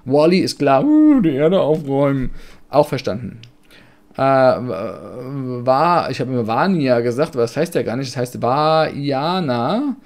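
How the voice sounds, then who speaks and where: A man's voice: medium pitch, big pitch swings, moderate pace, creaky, darkish tone. A man from Germany giving chatty, rambling, blunt and jokey commentary while playing a life-sim game. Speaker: let's play gamer. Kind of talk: casual gameplay commentary.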